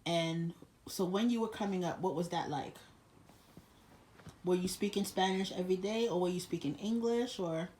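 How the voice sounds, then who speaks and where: A grandchild interviewing their grandfather, gently prompting with short questions and frequent okays. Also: medium pitch, moderate pace, reverberant, slight background noise. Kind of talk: casual interview.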